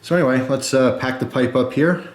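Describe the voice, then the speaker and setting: A man's voice: mid-range voice, brisk, echoey room, a little hiss or hum. A man chatting casually and informally to viewers, explaining step by step as he demonstrates a product in a review video.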